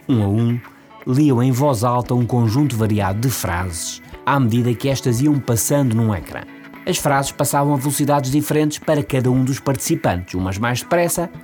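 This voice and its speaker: A man with a European Portuguese accent, explaining ideas in a calm, measured way on a podcast. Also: medium pitch. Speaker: podcast author and guest commentator. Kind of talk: casual explanatory chat.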